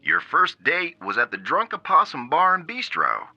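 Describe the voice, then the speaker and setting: A man voicing a taunting robot taxi driver who hosts a game show, with a cheery announcer voice that drops to a low growl. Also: huge pitch swings, moderate pace, sharp tone, dry recording, lo-fi sound, full character voice. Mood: mocking cheer.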